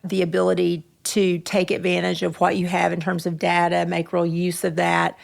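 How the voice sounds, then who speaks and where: A woman executive speaking as a guest on a panel discussion, confident and deliberate. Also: fairly low pitch, completely flat delivery, vocal fry.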